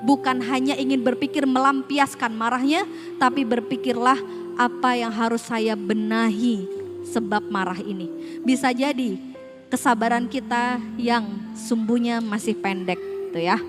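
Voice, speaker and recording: High-voiced woman giving a parenting talk. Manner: addresses parents directly with rhetorical questions; conversational, mixes casual slang. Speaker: school staff speaking to parents. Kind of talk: parenting seminar talk with slides.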